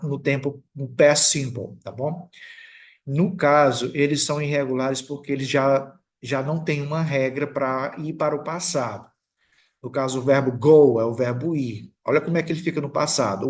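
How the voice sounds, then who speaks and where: A man from Brazil narrates a slide lesson on English grammar in an even, mid-pitched voice. He speaks slowly and patiently, with a Brazilian Portuguese accent on the English examples, and checks in with the listener often. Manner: slow, patient explaining with frequent "tá bom?" check-ins. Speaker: English teacher. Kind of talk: recorded video lesson.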